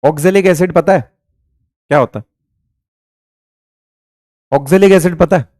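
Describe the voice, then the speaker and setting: With a somewhat high, slightly mellow voice and a slightly slow pace, a man gives a classroom chemistry lecture in Hindi. He keeps asking questions and answering them himself, fondly calling his students beta and raja. The studio sound is clean with no room noise.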